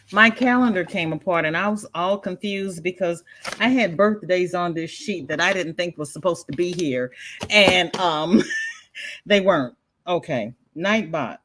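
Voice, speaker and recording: This is a fairly low-pitched, fairly bright female voice with slight background noise, belonging to a crochet livestreamer from the American South. She rambles chattily, reads viewer comments, and has a congested sound. Repeated false starts run through her speech.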